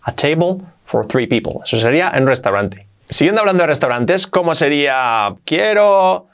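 Man, video English teacher, drills phrases slowly with animated pitch leaps, rushes the asides. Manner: repeats phrases slowly, lively pitch jumps. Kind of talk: video lesson.

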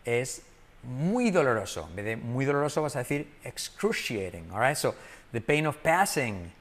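A man teaching an English lesson, slowly repeating example phrases and drilling pronunciation. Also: mid-range voice. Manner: lively, jumps between loud and soft. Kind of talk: English lesson taught in Spanish.

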